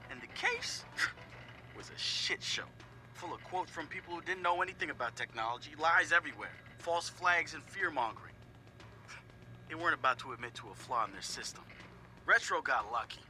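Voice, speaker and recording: A little high, expressive, and brisk, this man's voice sounds pushed and bright. He's acting as a laid-back young hacker in a game audio log, casually and candidly assessing his teammates with wry, profane remarks, while clear music plays underneath.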